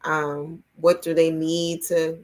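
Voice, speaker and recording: A woman hosting an interview, speaking in a relaxed, thoughtful way with frequent "um" pauses. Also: low-pitched. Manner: many "um" fillers, slow and thoughtful. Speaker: host of an online school network talk.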